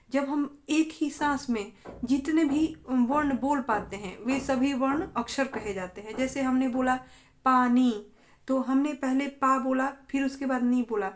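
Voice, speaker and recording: Female tutor with a high-pitched voice, calmly explaining answers in an exam-prep lesson. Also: slight background noise. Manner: steady explaining, question and answer. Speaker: teacher.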